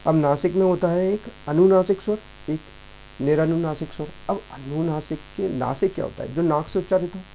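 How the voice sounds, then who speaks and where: A man's voice: on the high side, gravelly, warm tone, slight background noise, poor audio. A young man teaching an exam-prep grammar lesson, explaining patiently and checking in with his listeners often. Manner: explaining patiently, repeats "ठीक है" and "दोस्तों" often.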